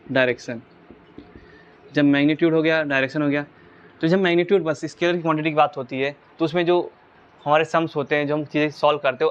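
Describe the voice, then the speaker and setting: A man teaching physics at a board, walking through each step and often pausing to ask whether the class follows. His voice sits a little high for a man. The recording sounds somewhat dull and lo-fi. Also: smooth. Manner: explains step by step, asking the class rhetorical check questions. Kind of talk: whiteboard physics lesson.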